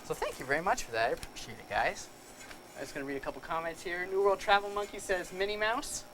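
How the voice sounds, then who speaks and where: A man's voice: high-pitched, fast, crowd noise, poor audio. A man hosting a casual live show, upbeat and reading viewer comments aloud. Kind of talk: casual live-stream chat.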